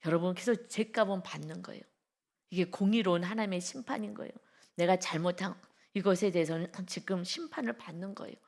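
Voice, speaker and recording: A woman's voice: fairly low pitch, gravelly. Emphatic woman preaching a dawn sermon. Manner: emphatic, reads scripture slowly and loudly; vivid sound words and direct questions to the congregation. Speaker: pastor. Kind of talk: early-morning sermon.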